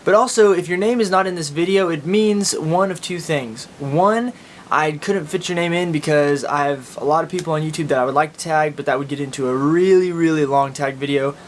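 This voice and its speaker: A man with an Oklahoma accent chatting casually and informally as a video blogger. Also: fairly quick. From Oklahoma, United States. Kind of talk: casual chat to camera, answering accent tag questions. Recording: steady background noise with low rumble.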